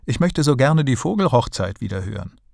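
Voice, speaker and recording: A man's voice: medium pitch, sing-song, brisk, gravelly, no room sound, clean studio sound, pitched above the performer's own voice. A man reading a children's story, voicing an eager, curious little boy in a raised voice.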